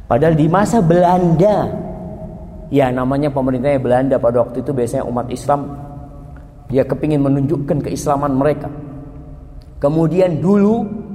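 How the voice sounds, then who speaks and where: A man preaching to a congregation, lively and full of rhetorical questions, his voice jumping high when excited. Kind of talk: Islamic lecture to a congregation. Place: lecture hall. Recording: long hall reverb.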